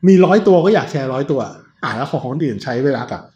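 A man's voice: medium pitch, lively intonation, quick pace, warm tone, muffled recording, a little hiss or hum. A man, the senior on the team, leading a casual podcast chat, blunt with slang.

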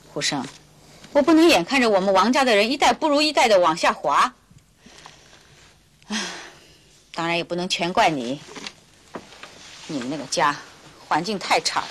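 A stern, proud elder sister, played by a woman in a 1990s TV drama, laying down decisions in a firm, lecturing voice of middle pitch. A faint hiss sits under the old soundtrack. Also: natural voice.

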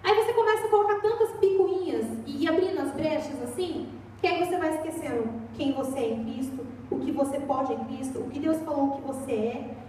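A woman's voice: sits high, fairly quick, darkish tone, a little hiss or hum. A young Brazilian woman preaching a sermon in a church, chatty and storytelling, recorded from far off in an echoey hall. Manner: chatty storytelling, acts out voices.

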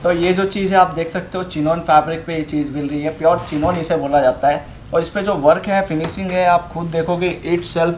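The shop room echoes as a young man with a slightly raised pitch explains saree fabrics and work, a faint hum in the background. It's a product demonstration inside a fabric showroom, delivered as a steady pitch with pauses on fillers.

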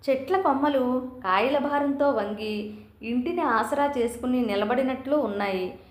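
A woman narrating a novel as an audiobook reader, telling the story in a steady, even way. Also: a little high. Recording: roomy echo.

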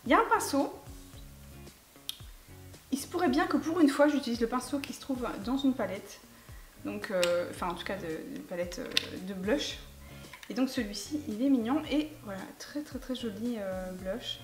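A woman's voice: a little high, moderate pace. A woman, chatting casually and enthusiastically about her latest makeup haul, with lots of fillers. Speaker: beauty vlogger. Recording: echoey room with faint music.

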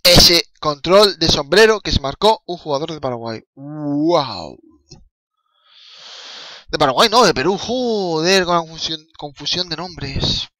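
A young man from the Canary Islands commentating his own football video game on a live stream, rambling and excitable with swearing and laughing asides. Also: fairly high pitch, moderate pace, few pauses, no echo.

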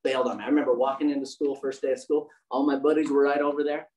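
A man's voice: medium pitch, level tone, racing, a little mellow. A middle-aged man giving a candid, self-mocking personal story at a church meeting. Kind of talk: humorous personal story talk. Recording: distant mic.

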